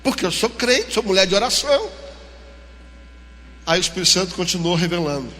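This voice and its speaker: With slight background noise and long church hall reverb, a man with a Brazilian Portuguese accent gives a sermon in a high-pitched voice, going a little fast. He's an animated pastor who acts out dialogue while telling stories.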